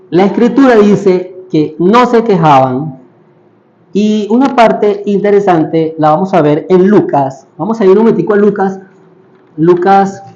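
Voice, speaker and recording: A man with a high voice delivers a sermon and keeps asking his listeners rhetorical questions. He acts out the lines of biblical characters as he preaches. The recording is echoey and dull, with a lo-fi sound. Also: warm tone.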